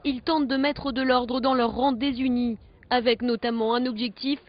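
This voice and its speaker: A woman reads a scripted news voice-over in a measured, even way. Her voice sits high, and the audio is a little dull and muffled. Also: dry recording. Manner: measured, even newsreader delivery. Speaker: news narrator. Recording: slightly dull broadcast audio.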